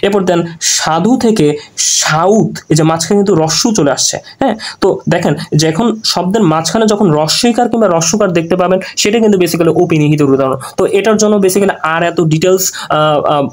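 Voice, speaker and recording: A man's voice: high-pitched, quick pace. A man teaching an exam-prep grammar lesson, explaining through repeated examples and frequent check-ins.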